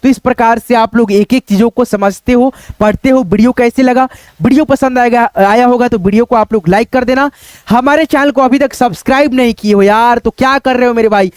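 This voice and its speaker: A man's voice: very high voice, a little fast, clear, resonant tone, no room sound. A man teaching a casual video lesson, walking step by step through examples, often calling out to his viewers and asking them questions. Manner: repeats "dosto" and "dekho", asks the viewers questions.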